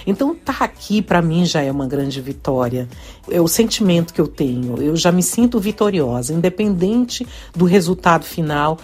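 A woman's voice: sits low, darkish tone, slightly rough. A woman from Brazil, a singer, speaking earnestly in an interview and often tagging her sentences with little questions. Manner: earnest, frequent tag questions. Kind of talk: interview soundbite.

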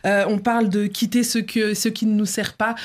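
A woman co-hosting a casual chat podcast, talking in a lively, slangy, enthusiastic way. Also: medium pitch, normal speed. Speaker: podcast co-host.

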